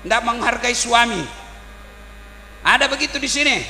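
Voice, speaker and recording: A man giving a humorous sermon, lively and asking the crowd questions. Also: very high-pitched, moderate pace. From South Sulawesi. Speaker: Islamic preacher. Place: large hall at a village celebration. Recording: echoey hall with faint mains hum.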